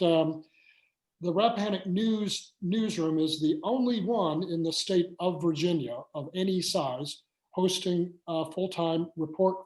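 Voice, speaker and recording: A man's voice: sits high, a little mellow. A man hosting an online community meeting, talking with many hesitant fillers. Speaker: meeting host. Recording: echoey room.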